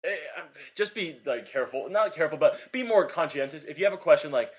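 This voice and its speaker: This fast-talking young adult man, a Pilates instructor and fitness podcast co-host, tells a long, wandering story stuffed with filler in casual chat. His voice sits on the high side and is expressive.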